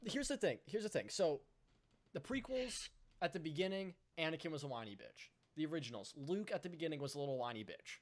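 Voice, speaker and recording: A man co-hosting a podcast in casual chat, animated and swearing freely while he rants. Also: a little high, fairly quick. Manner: animated, swears a lot, ranting. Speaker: podcast co-host.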